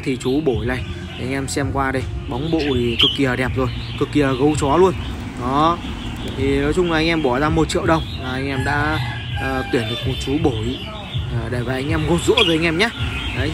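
A young man from Vietnam hosting a casual sales vlog, chatty and full of fillers as he pitches birds to viewers. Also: a little fast, over loud music. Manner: chatty, many fillers and repeated address to viewers. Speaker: bird seller, channel host. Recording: loud background noise.

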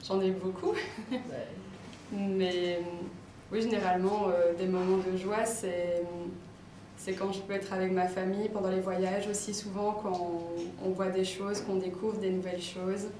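Young woman interviewee, shy; slow, flat, distant and roomy. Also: medium pitch. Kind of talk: casual interview answers. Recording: echoey room, distant mic, noisy.

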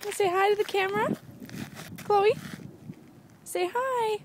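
A woman's voice: very high-pitched, a little slow. Woman cooing to horses, noisy old camcorder audio. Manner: coaxing, sing-song pet talk. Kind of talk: casual talk to animals.

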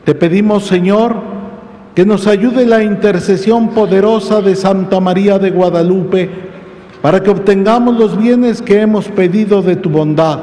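Man, priest, solemn measured homily, high voice, unhurried delivery, long church reverb. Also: mellow. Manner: slow, solemn, measured phrasing. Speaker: priest celebrating Mass. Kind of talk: homily and liturgical prayer. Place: large church.

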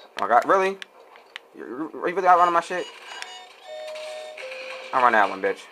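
A man's voice: mid-range voice, normal speed, soft background music. A young man, trash-talking his teammates while commenting on his own gameplay. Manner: excitable, profane trash talk. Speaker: gamer.

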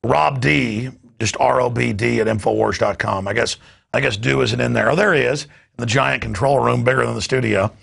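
A man's voice: medium pitch, brisk, gravelly, a bit bright, slightly rough. A man hosting a news show in a studio, rambling off the cuff with stammering restarts.

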